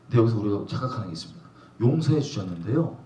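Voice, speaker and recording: A man's voice: lowish voice, expressive, very fast, dark tone. Emphatic male preacher in an echoey hall. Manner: emphatic, asks the congregation questions. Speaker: pastor. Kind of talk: sermon. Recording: echoey room from a distance.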